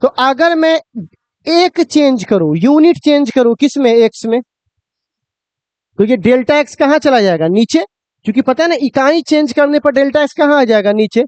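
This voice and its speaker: High-voiced male physics teacher. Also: lively intonation, normal speed, a little mellow, no echo. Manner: addresses students fondly, asks and answers his own questions. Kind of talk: classroom lecture to students.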